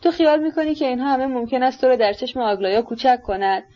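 A woman's voice: sits high, steady tone, natural voice. A woman reading the part of a proud, fiery young woman in an audiobook, indignant and scornful. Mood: lecturing. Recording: dull lo-fi recording.

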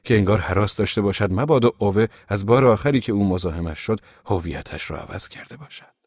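Deep-voiced male audiobook narrator. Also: a little mellow, husky, dry recording, studio quality. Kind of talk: scripted narration of a novel.

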